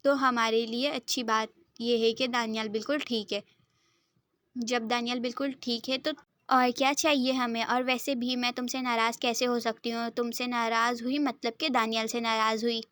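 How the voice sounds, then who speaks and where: Forgiving mother, a woman doing the voice, soothing, reassuring, slightly high, close and dry. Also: flat delivery, normal speed, a bit bright, no room sound, lightly acted. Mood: soothing, teasing. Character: doting, forgiving middle-aged mother.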